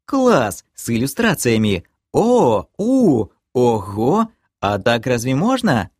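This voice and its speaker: A bouncy young woman with a high, squealing voice that jumps all over the place, as a male narrator puts her on. She sounds indignant and excitable. It is close and dry, read straight into the mic for an audiobook. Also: slow, no echo, heavily acted. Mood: delighted. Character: pushy excitable young woman treasure-hunter.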